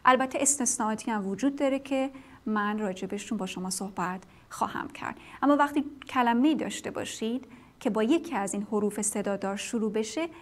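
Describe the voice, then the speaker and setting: Woman TV language teacher, slightly high-pitched, patient, explanatory, self-correcting. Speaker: English teacher. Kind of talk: televised language lesson.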